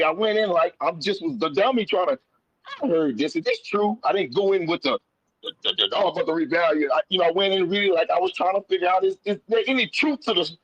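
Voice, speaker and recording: A man is a guest casually telling a personal story, lively and folksy, repeating phrases and acting out conversations. His voice sits high, and the muffled recording has no room sound.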